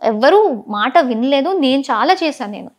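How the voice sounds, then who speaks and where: High-voiced woman, emphatic and indignant. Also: expressive, normal speed. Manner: emphatic and indignant, often switching into English phrases. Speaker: former reality show contestant, guest. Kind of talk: interview, recounting events.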